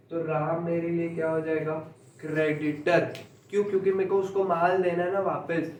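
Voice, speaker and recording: Young male commerce tutor, unhurried and repetitive, distant mic, faint hiss behind. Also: fairly high pitch, darkish tone. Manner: slow, repeats points, asks students if they understood. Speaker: commerce teacher. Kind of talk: classroom lecture. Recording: echoey room, mic far off, faint noise.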